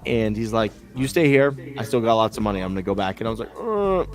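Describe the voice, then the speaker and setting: A man co-hosting a casual live stream, telling rowdy stories in a lively way and jumping up in pitch for quoted voices. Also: rapid-fire, faint music behind. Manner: animated storyteller, jumps high for quoted voices. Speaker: co-host.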